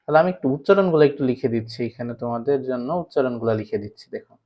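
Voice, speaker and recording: A man's voice: mid-range voice, lively intonation, very fast. A man with a Bangladeshi Bengali accent teaching an English class for primary students. He keeps asking the class questions and then answers them himself. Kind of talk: online class lecture. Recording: slightly dull lo-fi recording.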